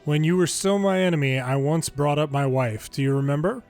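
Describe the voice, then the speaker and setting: Over video game music, a man reads a game's story dialogue aloud like an amateur longplay narrator, tossing in casual commentary. His voice is on the high side and darkish in tone, and he speaks fairly quickly.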